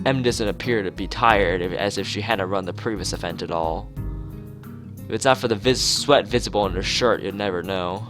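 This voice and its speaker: A man with a fairly low voice reads a visual novel aloud on stream at normal speed, tossing in casual asides. He often stumbles and corrects himself, and the game's background music plays behind him.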